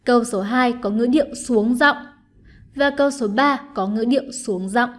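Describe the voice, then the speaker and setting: Woman, teacher, online lesson, patient step-by-step explaining, fairly high voice. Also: normal speed. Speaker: English teacher.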